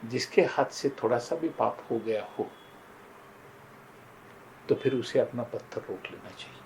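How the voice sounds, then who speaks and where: A man's voice: medium pitch, unhurried, a little mellow, a little hiss or hum, low-quality recording. Earnest older man telling moral stories. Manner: earnest storytelling, often addresses listeners as friends. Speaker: motivational speaker. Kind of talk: motivational talk with personal stories.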